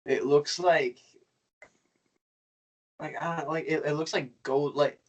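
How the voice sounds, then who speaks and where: A man's voice: fairly high pitch, steady tone, takes it slowly, rough recording. Slangy man groping for words. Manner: loose, slangy, searching for words. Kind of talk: casual conversation.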